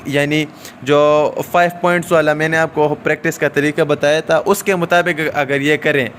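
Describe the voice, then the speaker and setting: A man's voice: on the high side, fairly bright tone, slight background noise. Man teaching a shorthand lesson. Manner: explains step by step, often checks with "okay?" and stretches out "aa" fillers. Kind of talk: recorded lesson.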